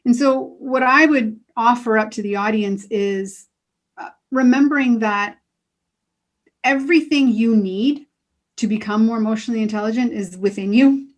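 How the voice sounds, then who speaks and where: A middle-aged woman answering interview questions as an emotional intelligence coach, calm and earnest, giving advice. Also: fairly high pitch, moderate pace.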